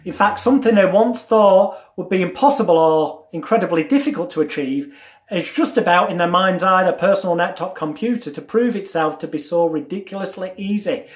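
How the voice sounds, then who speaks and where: A man's voice: sits high, brisk. A man giving an instructional lecture as a hypnotherapy trainer, with emphatic, repetitive phrasing. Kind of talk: instructional lecture with demonstrated patter. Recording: roomy, echoing sound.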